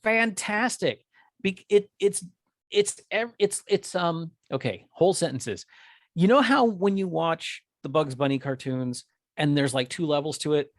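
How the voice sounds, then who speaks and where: A man's voice: on the high side, lively intonation, unhurried, no echo. A man co-hosting a casual chat about movies, rambling with many restarts. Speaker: podcast co-host.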